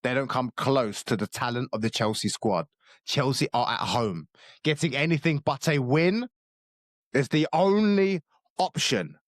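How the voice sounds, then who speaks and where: A man's voice: medium pitch, measured pace, no echo. A young man in a casual football chat, passionate and fired up, with casual slang. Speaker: co-host, football fan.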